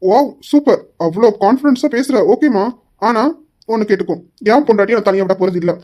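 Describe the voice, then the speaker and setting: A woman with a fairly high, darkish, natural voice plays a teasing, stubborn young husband who ribs his wife and insists on going with her. She uses a mock-sweet tone and drawn-out pleading.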